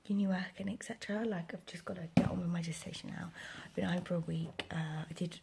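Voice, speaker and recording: A woman's voice: lowish voice, steady tone, fast, very noisy. A young woman in her twenties whispering a casual home vlog with a slight sore throat, rambling with lots of fillers and restarts. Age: 20s. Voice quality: whispering, breathy. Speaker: vlogger. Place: home, indoors. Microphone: close camera.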